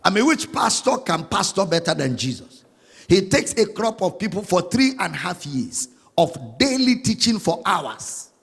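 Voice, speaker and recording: A man preaching a sermon as a pastor, singing out scripture lines and spelling words slowly. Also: sits high, big pitch swings, vocal fry, a bit bright, husky, big-room sound.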